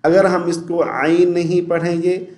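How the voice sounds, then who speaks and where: A man teaching Quran recitation, stretching the recited words slowly between quick spoken explanations. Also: high voice, flat delivery, a little mellow, echoey room. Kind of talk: online recitation lesson.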